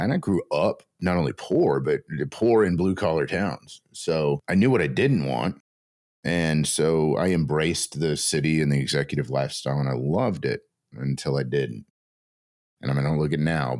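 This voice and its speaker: A man's voice: a bass voice, a little mellow, no echo, clean studio sound. A middle-aged man from the American Southwest co-hosting a casual talk show with his wife, speaking in a reflective, thoughtful way. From West Texas and New Mexico. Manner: reflective, slow and thoughtful, with restarts. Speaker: podcast co-host.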